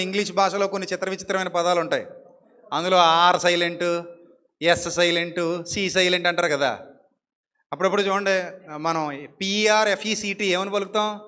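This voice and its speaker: A man's voice: high voice, sharp tone, in a large hall. A male pastor preaching a sermon in a conversational way, acting out little dialogues and asking the congregation rhetorical questions.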